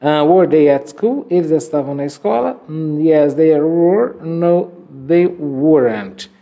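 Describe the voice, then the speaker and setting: A man teaching English to Portuguese speakers in a recorded lesson, slowly modeling phrases for students to repeat. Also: a little high, expressive, creaky, dark tone. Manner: slow, drawn-out modeling of English phrases for repetition.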